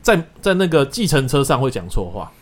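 A man's voice: medium pitch, big pitch swings, fast talker. A man with a Taiwanese accent telling stories in casual podcast chat, repeating himself for emphasis. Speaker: podcast co-host.

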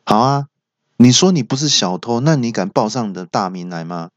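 A man voicing an angry, panicky young woman accusing someone of stealing her phone, in a shrill, accusing way. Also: expressive, fairly quick, dry recording, close to an everyday voice. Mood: indignant.

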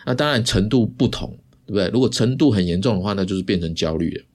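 A man, hosting a podcast and telling a story in a casual, explanatory way with lively asides. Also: lowish voice. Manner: chatty, drawn-out sentence endings, lively asides. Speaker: podcast host.

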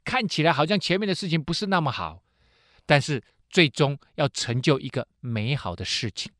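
A man hosting a Bible teaching program, telling the stories in a chatty, conversational way with drawn-out filler particles and acting out the characters' lines. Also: fairly high pitch, no room sound, clean studio sound. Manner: lively storyteller who acts out quoted speech.

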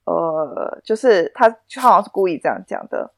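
A woman chatting on a podcast as co-host, her pitch swinging up and down as she tells stories. She laughs often. The sound is dry and close. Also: moderate pace, vocal fry, dry recording. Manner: animated storyteller, laughs often. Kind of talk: casual chat.

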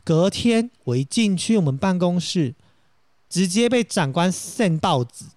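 In casual chat, a young man with a Taiwanese Mandarin accent tells a story in an animated, self-dramatizing way, laughing as he goes. His voice sits high and unhurried, with no echo.

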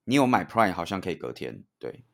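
A male podcast co-host with a Taiwanese Mandarin accent and a somewhat low voice. He chats informally and banters back and forth in an everyday conversational style. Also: big pitch swings, fairly quick, creaky. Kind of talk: casual bantering podcast chat.

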